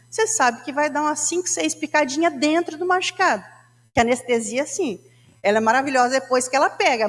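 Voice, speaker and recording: Brazilian woman lecturer, high-pitched, chatty anecdotal spiritist talk, reverberant hall. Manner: chatty storytelling, addresses audience as gente.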